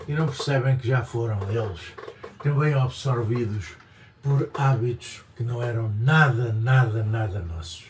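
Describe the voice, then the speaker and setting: A man's voice: fairly low pitch, darkish tone, a little hiss or hum. An older man from Portugal with a European Portuguese accent, talking in a rambling, digressive monologue full of emphatic repetitions. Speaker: vlogger. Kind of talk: casual opinion monologue. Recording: roomy, distant mic, faint ambience.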